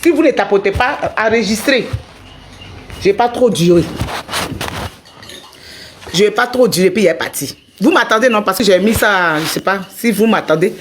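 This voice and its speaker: A woman's voice: medium pitch, moderate pace, pauses often, background noise. A middle-aged woman hosting a live stream, ranting angrily at a rival and talking straight to her viewers. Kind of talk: heated live-stream rant.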